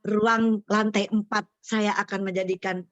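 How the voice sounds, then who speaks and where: Animated Indonesian woman preaching, dry sound. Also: measured pace, no room sound, highs cut off. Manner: addresses the congregation as "saudara" again and again; animated, acting out quoted prayers at a higher pitch. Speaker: pastor. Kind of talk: sermon testimony.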